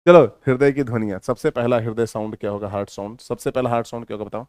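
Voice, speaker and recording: A man teaching a class in a lively, joking way. He swings from loud, emphatic explaining to quiet mumbling as he writes. His voice sits in a middle range, and the recording is dry and close. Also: mid-range voice, quick pace, clean tone, no echo. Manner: lively, teasing, switches between loud explaining and quiet mumbling while writing. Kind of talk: online lecture.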